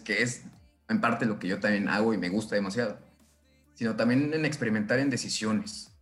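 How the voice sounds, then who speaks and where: A man who works in science, talking casually on a podcast, eager and rambling with many restarts. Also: mid-range voice. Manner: enthusiastic, agreeing, rambling. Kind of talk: casual conversation.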